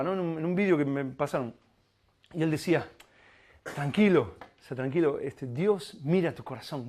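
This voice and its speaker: A man preaching a sermon as pastor, asking rhetorical questions and slowing right down to stress each phrase of scripture. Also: sits high. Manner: animated preaching, rhetorical questions, slow emphatic reading of scripture.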